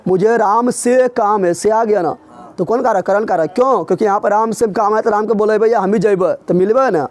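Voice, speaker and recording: High-voiced teacher drilling a class. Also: male voice, darkish tone. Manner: drills students with repeated quick questions. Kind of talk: classroom grammar revision lesson.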